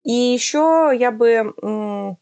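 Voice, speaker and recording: A woman's voice: a little high, takes it slowly, gravelly, a little mellow. A woman talks casually in an interview, explaining things in an informal way.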